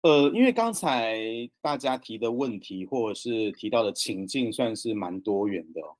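Male communication coach, raspy, measured delivery, dry close sound. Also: fairly low pitch, no room sound. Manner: calm, measured explaining. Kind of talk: explaining in a podcast interview.

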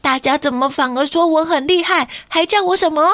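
A woman's voice: high voice, a little fast, a bit bright, no room sound, studio quality, pitched above the performer's own voice. A woman doing a flustered forgetful schoolboy. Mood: protesting. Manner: whiny, exasperated protests.

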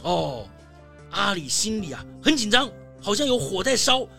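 A woman narrating a children's story in a lively voice, full of exclamations. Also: mid-range voice, normal speed, vocal fry, soft background music.

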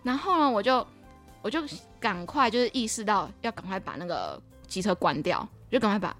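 A woman's voice: medium pitch, moderate pace, faint music behind. A young woman co-hosting a casual podcast, telling a story with lots of laughter and acted-out quoted lines. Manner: animated, laughing often, acts out quoted lines. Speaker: podcast co-host.

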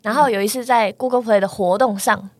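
A woman chatting casually on a podcast, telling animated stories with frequent giggles. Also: on the high side, fairly quick, no room sound. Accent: Taiwanese Mandarin. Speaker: podcast guest. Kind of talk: casual chat.

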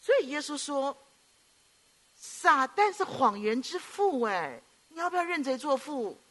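A middle-aged woman from Hong Kong, preaching a sermon with animated storytelling and frequent rhetorical questions. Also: high-pitched, measured pace.

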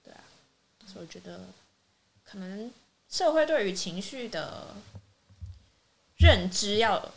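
A woman co-hosting a casual podcast chat, telling a lively story and acting out what her friends said. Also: mid-range voice, slow, gravelly, long pauses. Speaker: podcast co-host. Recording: faint hiss.

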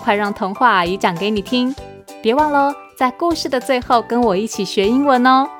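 A woman host reading a picture book aloud to children, in a gentle, coaxing manner. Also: a little high, brisk, faint music behind. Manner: gentle, coaxing, addressing kids.

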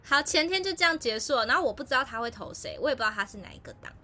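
A woman with a Taiwanese Mandarin accent, co-hosting a podcast in casual chat, telling animated stories and acting out quotes. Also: high-pitched, racing. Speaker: podcast co-host.

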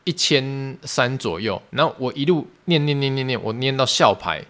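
A young man with a Taiwanese Mandarin accent, hosting a podcast and telling a personal story in a fast, animated, emotional way. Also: medium pitch. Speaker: podcast host.

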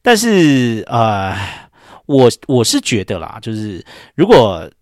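A man's voice: medium pitch, wildly swooping pitch, takes it slowly, darkish tone, no room sound, studio quality. A middle-aged man hosting a casual solo podcast, chatty and given to emphatic rants. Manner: chatty, ranting, with emphatic complaints. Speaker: podcast host.

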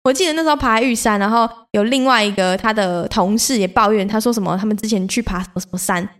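A young woman hosting a podcast, telling stories in a casual, animated way, swearing freely and acting out her own outbursts. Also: medium pitch, quick pace. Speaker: podcast host. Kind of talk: casual solo storytelling.

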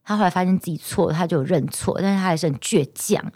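A hoarse woman with a Taiwanese Mandarin accent hosts a solo podcast in a lowish voice. She tells her story with indignant, animated energy in a casual monologue. The recording is dry and close, with no room sound. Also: quick pace, no room sound. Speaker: podcast host.

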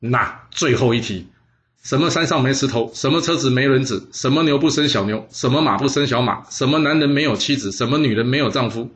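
A man's voice: medium pitch, brisk, fairly bright tone. A man telling history stories for an audiobook, chatty and playful, often asking listeners questions. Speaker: storyteller.

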